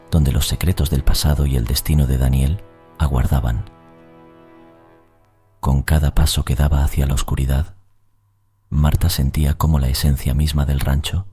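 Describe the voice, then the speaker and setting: A man narrating a scripted horror story in a solemn, ominous, measured storytelling manner. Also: rumbling low, warm tone. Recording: music bed under voice. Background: music.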